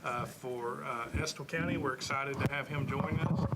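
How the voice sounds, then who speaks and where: A man's voice: medium pitch, moderate pace, heavy background noise. A man serving as school superintendent, giving an earnest board meeting report with frequent fillers.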